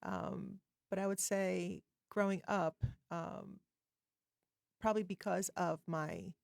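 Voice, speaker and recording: A middle-aged woman from Poland speaks as a podcast guest, hesitant and full of ums as she tells stories. Her voice is fairly low with a gravelly rasp, recorded dry. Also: steady tone, takes it slowly, darkish tone, no echo. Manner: hesitant, frequent ums, storytelling. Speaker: forensic psychologist guest. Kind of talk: casual interview chat.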